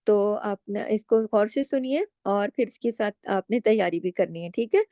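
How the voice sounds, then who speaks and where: A woman teaching Quran recitation rules, slowly chanting verses and then explaining each word patiently. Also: mid-range voice, dark tone, no echo. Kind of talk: tajweed lesson with slow recitation.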